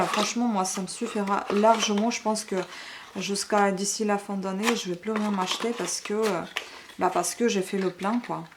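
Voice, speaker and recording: A woman vlogger chatting casually through a beauty unboxing, full of fillers and little tag questions, sometimes dropping to a soft half-whisper. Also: medium pitch, noisy background. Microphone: camera microphone.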